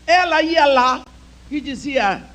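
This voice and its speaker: At a church women's conference, an older woman with an animated voice that sits high speaks at a slow pace. Her heartfelt story moves from soft near-whispers to emphatic calls urging her listeners on.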